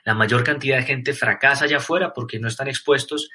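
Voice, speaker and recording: A Colombian man with a bright, forward voice at an ordinary middle pitch gives a live motivational talk as a network marketing leader. He speaks earnestly, filling pauses with small fillers and restarts, and often addresses the listener with direct questions.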